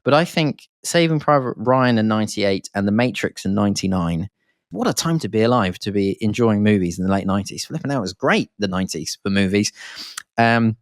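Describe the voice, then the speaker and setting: A man's voice: on the low side, lively intonation, a little fast, no echo, studio quality. A man hosting a podcast, rambling and enthusiastic, with lots of fillers and restarts. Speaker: podcast host. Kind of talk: casual podcast monologue.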